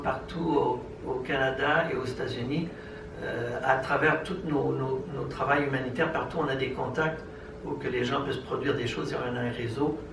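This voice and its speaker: Hesitant man speaking in an echoey room. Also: medium pitch. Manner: hesitant, searching for words. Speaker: Mennonite congress speaker. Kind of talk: informal public talk. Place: room at a congress. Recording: echoey room, distant mic, noisy.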